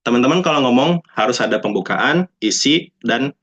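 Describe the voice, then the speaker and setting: Young guy w chatting to students, mid-pitched voice, throws in english bits, kinda muffled lo-fi sound. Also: lively intonation, normal speed, fairly bright tone, breathy edge. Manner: chatty, mixes in English phrases, acts out quoted people. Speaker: alumnus speaker. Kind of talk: casual talk to students. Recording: dull lo-fi sound.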